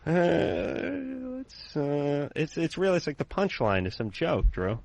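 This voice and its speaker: A man's voice: on the high side, huge pitch swings, slow, vocal fry, darkish tone, no echo. A man co-hosting a call-in radio show, joking sarcastically with callers.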